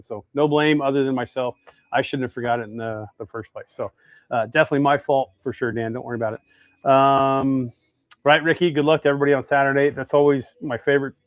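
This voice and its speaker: With no room sound at all, an American man with a mid-range voice hosts a fishing lure making livestream. Folksy and easygoing, he talks to viewers and thinks aloud as he works through a casual live demonstration.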